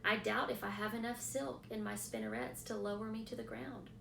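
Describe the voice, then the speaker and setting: A woman voicing a calm, wise, dying female spider who speaks softly and firmly, in an echoey room. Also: a little high, brisk, vocal fry, a little hiss or hum. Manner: quiet, soft, firm.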